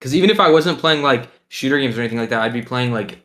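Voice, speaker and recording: A bright, clear-toned teenage boy from Ohio chats loosely in an interview. He rambles with fillers like "like" and "um". He chuckles often as he answers. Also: mid-range voice, expressive, fast talker. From Ohio, USA. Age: teens. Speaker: guest, pro gamer. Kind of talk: casual interview.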